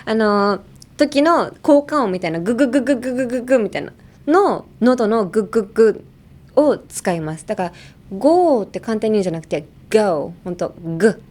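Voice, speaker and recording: A woman's voice: mid-range voice, lively intonation, normal speed, darkish tone. A young woman hosting a casual bilingual pronunciation lesson, playfully demonstrating sounds with repeated syllables. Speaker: English pronunciation coach.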